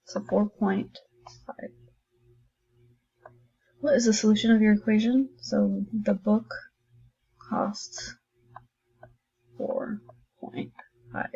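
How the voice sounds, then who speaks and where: Woman math teacher, recorded online lesson: gravelly, husky voice, chatty and encouraging, dull lo-fi recording. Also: mid-range voice, steady tone, slow, long pauses, warm tone. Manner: chatty, encouraging, thinks aloud while writing.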